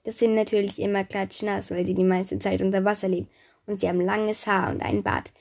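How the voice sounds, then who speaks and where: A woman narrating a children's myth in first person, lively and chatty, speaking directly to the listener. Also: medium pitch, a little fast, creaky. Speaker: storyteller.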